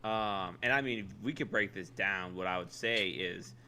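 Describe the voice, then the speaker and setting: A man's voice: sits low, normal speed, sharp tone, a little hiss or hum. An American man co-hosting a podcast, talking sports in a casual, colloquial way and hedging as he goes.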